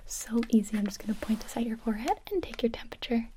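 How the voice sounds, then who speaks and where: A woman's voice: fairly high pitch, lively intonation, fast, a little hiss or hum. A young woman whispering close to the mic, playing a series of doctors in a comedic ASMR roleplay, now and then breaking into full voice. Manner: soft close whispering with sudden voiced outbursts.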